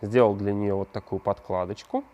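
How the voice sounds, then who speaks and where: Here the craft-channel host's voice is on the low side and darkish in tone, with fairly even intonation and a moderate pace. He explains a prop build step by step, chatting with the viewer and asking them questions along the way.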